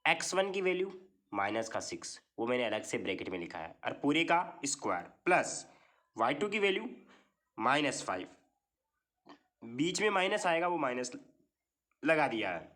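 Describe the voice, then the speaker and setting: With a medium-pitched, bright and forceful voice, a man leads a classroom-style maths lesson. He walks through it step by step, frequently checks in with the class using phrases like "theek hai", and asks questions that he answers himself.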